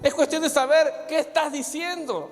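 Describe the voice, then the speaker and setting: A man preaching a fervent sermon as pastor, his voice rising to shouts at times. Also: extremely high pitch, steady tone, normal speed. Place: church. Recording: hall reverb with soft music behind.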